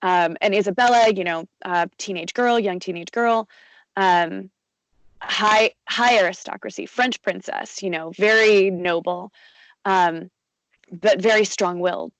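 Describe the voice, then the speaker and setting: A woman's voice: medium pitch, unhurried, fairly bright tone, dry recording, low-quality recording. A woman audiobook narrator and voice actor talking in an interview, chatty, with many fillers, restarts and easy laughs. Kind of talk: conversational interview.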